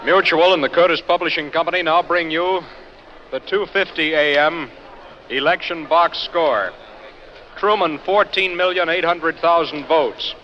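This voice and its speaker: A man reading vote counts as a radio announcer, measured and formal, heard on an old 1940s radio news broadcast recording. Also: fairly high pitch. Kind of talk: reading election results on air. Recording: lo-fi old radio recording with long reverb and faint hiss.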